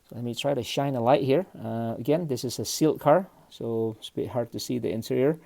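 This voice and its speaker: A man from Indonesia casually reviews model cars without a script, his medium-pitched, mellow voice showing some vocal fry as he talks a little fast. He sounds hesitant, speaking in short broken phrases with frequent brief questioning tags, and the sound has no echo.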